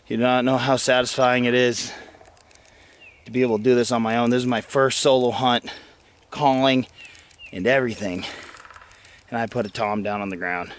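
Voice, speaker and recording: A man outdoors by a field and wood line, a little out of breath, excitedly rambling through an outdoor hunting vlog recap with plenty of fillers. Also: mid-range voice, normal speed, pauses often, a little hiss or hum. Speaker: hunting vlogger.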